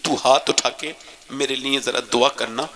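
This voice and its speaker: A man's voice: mid-range voice, steady tone, a bit bright, lightly acted. A man voicing a dying young sinner who pleads tearfully for forgiveness, within a sermon. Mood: pleading. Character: dying young male sinner, weeping and repentant.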